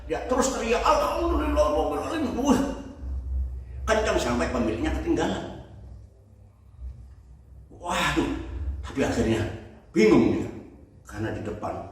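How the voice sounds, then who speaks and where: An older man preaching a sermon as pastor, telling a humorous story with animated delivery, recorded in a church hall from far off. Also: fairly high pitch.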